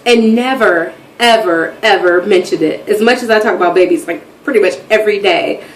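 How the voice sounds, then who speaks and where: A woman in her thirties chatting in a rambling, animated way for her video diary. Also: medium pitch, quick pace, recorded from a distance. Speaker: vlogger. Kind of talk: casual chat. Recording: echoey room, voice from off mic, faint background noise.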